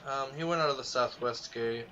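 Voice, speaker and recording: A man's voice: medium pitch, fairly quick, sharp tone, highs cut off, lightly acted. A man voicing a male tavern keeper, casual and skeptical, during a tabletop game. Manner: casual, conversational.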